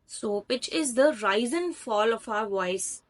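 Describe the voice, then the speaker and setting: A woman's voice: on the high side, lively intonation, slow pace. A woman with an Indian English accent, teaching a lecture patiently, step by step with examples. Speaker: online tutor. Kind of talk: explanatory lecture over slides.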